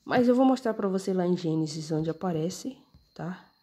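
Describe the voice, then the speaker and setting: Woman, casual scripture lesson, husky voice, dark timbre, conversational, points at text. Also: on the low side, expressive, normal speed. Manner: conversational, checks in often with "tá?" and "entendeu?"; points at text while reading. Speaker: religious teacher explaining scripture. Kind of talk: casual explanatory talk.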